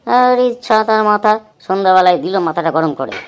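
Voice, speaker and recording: A woman's voice: mid-range voice, expressive, fairly quick, clear, resonant tone, close to an everyday voice. A woman voicing a short-tempered middle-aged male shopkeeper in a cartoon, scolding and irritable. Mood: grumbling.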